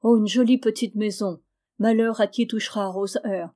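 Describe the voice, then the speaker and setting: A woman's voice: mid-range voice, fairly even intonation, moderate pace, warm tone, lightly acted. A woman voicing a drunk, jealous seafaring man who speaks in a raised, insistent tone. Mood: agitated.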